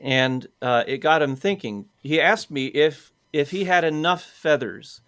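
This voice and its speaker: Man, podcast co-host, slow pace, smooth resonant voice. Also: fairly high pitch, animated, fairly bright tone. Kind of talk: casual discussion.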